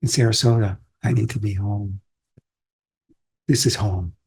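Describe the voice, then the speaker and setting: A man from Austria giving a calm, reflective dharma talk as a Zen teacher, unhurried and pausing often. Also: lowish voice, creaky, a little hiss or hum.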